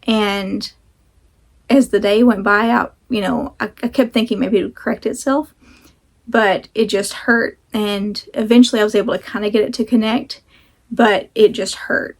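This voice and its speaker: A woman's voice: mid-range voice, steady tone, normal speed. A woman chatting casually to camera as a vlog host, rambling and self-deprecating, talking with a sore jaw that slightly restricts her mouth.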